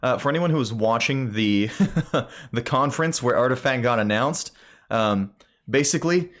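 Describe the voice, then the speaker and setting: A man's voice: mid-range voice, moderate pace. Rambling young man on a gaming podcast. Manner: relaxed, rambling with many fillers. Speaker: podcast co-host. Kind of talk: casual gaming news chat.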